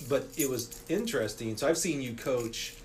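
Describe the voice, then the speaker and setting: A middle-aged man hosting a podcast, chatting in a relaxed way with lots of fillers. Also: medium pitch, moderate pace. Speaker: podcast host. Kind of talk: casual interview talk. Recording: faint background noise.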